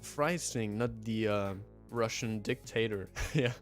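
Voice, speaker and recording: A young man from southwest France with a French accent chats casually on stream and reads his chat aloud in a fairly low voice at a slow pace. He's hesitant, stumbling through fillers and restarts, with soft music in the background.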